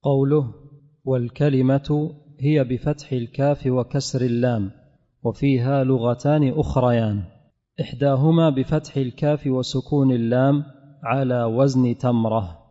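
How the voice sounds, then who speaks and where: A man reading a grammar commentary aloud with steady, careful recitation during a lesson. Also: mid-range voice. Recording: muffled recording in a hall with long reverb.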